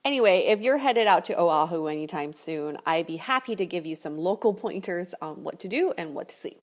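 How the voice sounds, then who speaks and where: A woman's voice: on the low side, lively intonation, brisk. A woman video host telling a personal story to viewers in a casual, chatty way.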